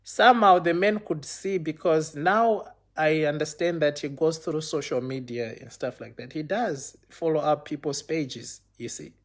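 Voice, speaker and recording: A man's voice: on the high side, a little slow, few pauses. A man casually telling a personal story to viewers, acting out the dialogue and using many fillers like "you know" and "okay". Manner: animated, acts out dialogue in retelling.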